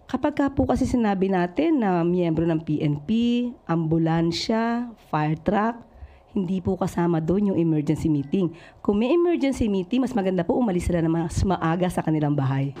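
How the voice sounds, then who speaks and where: Measured woman spokesperson, mellow voice. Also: lowish voice, expressive. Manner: polite, measured. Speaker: government spokesperson. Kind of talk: formal press statement.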